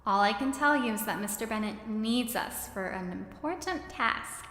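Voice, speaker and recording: A woman playing a composed empress in an audio drama, measured, authoritative and reassuring. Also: on the high side, lively intonation, a bit bright. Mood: calm authority. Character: composed, commanding empress, reassuring to her subordinate. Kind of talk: scripted audio drama acting. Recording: roomy, reverberant, music behind.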